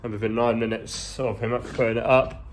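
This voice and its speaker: A man's voice: medium pitch, level tone, fairly quick. Guy, twenties, rambling workshop tour, phone at arm's length, faint hum behind. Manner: chatty, rambling, slangy. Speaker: car vlogger. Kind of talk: casual vlog, walking workshop tour. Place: large indoor garage workshop. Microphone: phone held at arm's length.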